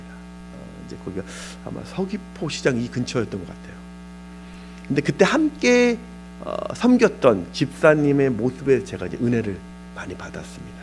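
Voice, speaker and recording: A man preaching a sermon as pastor at a church service, speaking with passion and building to loud peaks. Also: mid-range voice, low-quality recording.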